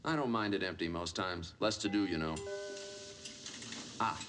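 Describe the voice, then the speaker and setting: A man's voice: sits low, normal speed, music in the background, lightly acted. A man playing a chatty older caretaker. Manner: chatty, folksy. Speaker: building caretaker. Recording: noisy film soundtrack.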